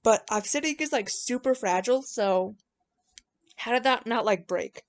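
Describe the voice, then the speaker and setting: A woman's voice: fairly high pitch, expressive, moderate pace. Mocking woman giving casual commentary. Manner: mocking, self-deprecating asides. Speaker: video host reviewing own old writing. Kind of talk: casual commentary with read-aloud story passages.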